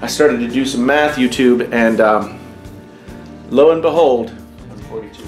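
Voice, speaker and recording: Chatting wryly and casually to his viewers, a forties-aged tech YouTube host unboxes gear in a home room. He speaks at medium pitch with a measured pace, while the audio carries roomy echo and faint music.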